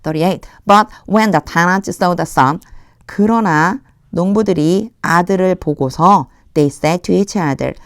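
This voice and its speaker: In a voice sitting a little low, a woman leads an English Bible verse translation lesson, reading each phrase slowly before explaining it in a friendly, chatty way. The recording is dry and close, with no room sound.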